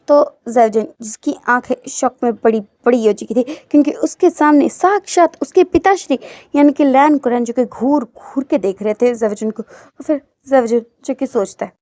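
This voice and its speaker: A woman's voice: high voice, mellow, no echo. A woman narrating a fan-fiction story in a chatty, casual way full of fillers. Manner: chatty, loose filler-heavy retelling. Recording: dull lo-fi dry recording.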